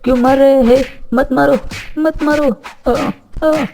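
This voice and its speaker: An actor playing a poor, kind orphan youth from a village who talks humbly and pleads, in a cartoon story. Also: male voice, on the high side, fairly even intonation, unhurried, mellow, slight background noise. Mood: pleading. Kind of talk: Hindi cartoon voice acting.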